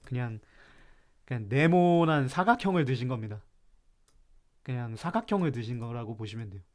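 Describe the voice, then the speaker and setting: A man from Chungcheong, South Korea, hosts a live stream with an animated, slightly mellow mid-range voice at normal speed. He rants about food in a playful, mock-serious way while reacting to chat.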